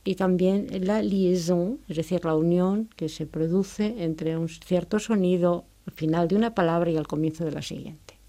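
A woman teaching French, explaining sounds and grammar with a clear, careful delivery and French examples. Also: fairly low pitch, moderate pace, few pauses, mellow.

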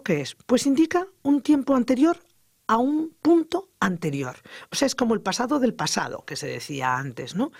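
Lively radio grammar teacher. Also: medium pitch, creaky, slightly rough, no echo, clean studio sound. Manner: lively explaining with spoken example sentences. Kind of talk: educational radio lesson.

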